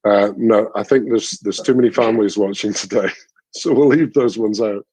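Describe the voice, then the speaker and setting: A man chatting on a charity livestream, halting and full of dry self-deprecating humour. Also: fairly low pitch, darkish tone, slightly rough, no echo. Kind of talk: casual video-call chat.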